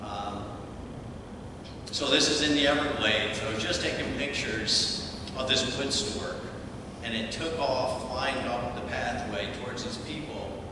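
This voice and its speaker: A man giving a casual, halting slideshow talk at a club meeting, with many fillers. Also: medium pitch. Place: large meeting room. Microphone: distant room mic. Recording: echoey room, voice from far off, noisy.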